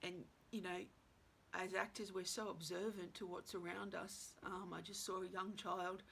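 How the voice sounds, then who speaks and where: A woman actress talking to camera at home in a halting, musing way, full of fillers. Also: lowish voice, little pitch movement, vocal fry, a bit bright, a little hiss or hum. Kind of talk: reflective casual monologue.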